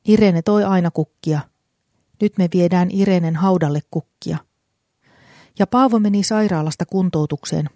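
A reader voicing an old grieving man who speaks softly but firmly in an audiobook. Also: medium pitch, dry recording, clean studio sound, close to an everyday voice. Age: older. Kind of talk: audiobook character voice.

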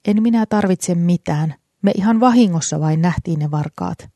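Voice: medium pitch, mellow, no echo, natural voice. A reader doing a flustered, stammering girl. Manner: stammering, protesting. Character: young girl, shy and flustered. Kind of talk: audiobook character voice.

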